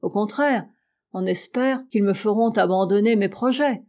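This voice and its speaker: A woman's voice: medium pitch, normal speed, a little mellow, close to an everyday voice. A woman reading the lines of a proud, stern male ship captain in an audiobook, curt and severe. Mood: stern, bitter.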